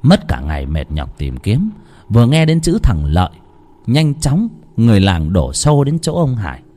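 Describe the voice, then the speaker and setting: A man narrating a ghost story with expressive delivery. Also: lowish voice, moderate pace.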